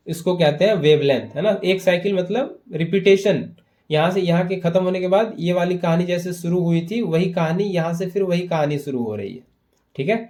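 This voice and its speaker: A man's voice: fairly high pitch, dark tone. A man teaching a physics lesson for exam prep, explaining step by step in Hindi mixed with English terms and checking in often with his students.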